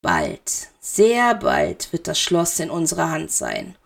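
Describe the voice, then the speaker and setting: A cold, cruelly amused male dark lord speaks in a hushed, silky drawl, as a woman reader puts him on. The voice carries a gravelly edge. It is a storybook villain. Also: deep voice, huge pitch swings, takes it slowly, pitched below the performer's own voice, full character voice. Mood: silky menace.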